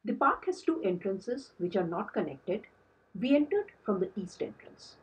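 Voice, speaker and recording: A woman narrating her hiking vlog in a calm, scripted voice-over. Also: mid-range voice, moderate pace, slightly rough, poor audio. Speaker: travel vlogger.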